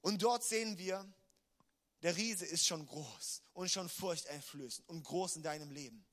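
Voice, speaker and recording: A man preaching with a high, bright voice. He is emphatic, dropping low and quiet and then rising loud and urgent as he drives a point home. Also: unhurried. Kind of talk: sermon.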